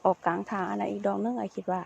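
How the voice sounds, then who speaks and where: A woman with an Isan accent giving excited, chatty running commentary to her viewers while foraging outdoors in the countryside. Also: mid-range voice, racing, gravelly, dull audio, a little hiss or hum. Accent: Isan (Northeastern Thai). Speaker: vlogger foraging wild mushrooms. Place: outdoors in rural scrubland.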